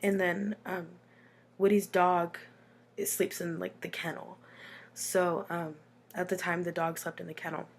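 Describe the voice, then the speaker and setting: A woman's voice: lowish voice, level tone, a little slow, creaky, a little hiss or hum. An American woman with a runny nose from being sick, telling a personal story in a casual, chatty, informal way with dramatic asides. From Texas, United States.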